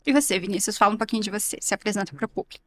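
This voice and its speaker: A woman's voice: mid-range voice, very fast, a bit bright. A young adult woman hosting a podcast, introducing guests in a friendly, upbeat, well-structured way. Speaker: podcast host.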